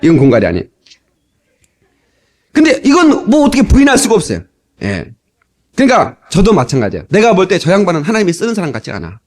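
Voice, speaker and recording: Heard on an old cassette tape, a middle-aged pastor preaches a storytelling sermon in a high, fast voice. His delivery is animated, and he acts out each person he quotes.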